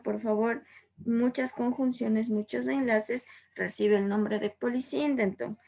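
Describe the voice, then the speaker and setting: Female teacher, fairly high gravelly voice, patient classroom explainer who keeps checking students follow. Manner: repeats "por favor" and "¿sí?", explains slowly with examples. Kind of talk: online lesson on literary figures.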